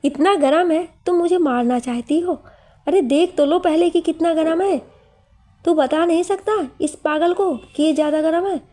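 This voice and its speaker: A woman's voice: very high-pitched, normal speed, warm tone, pitched above the performer's own voice. A woman voicing an injured young man who complains and makes demands. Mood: complaining.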